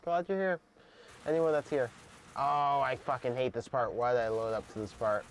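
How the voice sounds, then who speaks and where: A man's voice: medium pitch, steady tone, normal speed, a little hiss or hum. A young man live-streaming a game, frustrated and swearing while talking to his chat.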